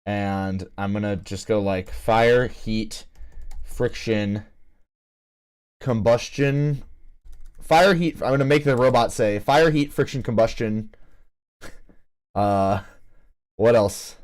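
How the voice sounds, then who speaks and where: A man's voice: lowish voice, slow pace, long pauses, a little mellow, clear, resonant tone. A man in a casual commentary as a music producer, talking to himself with fillers and restarts. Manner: rambling self-talk with fillers and restarts. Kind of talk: casual screen-recorded commentary.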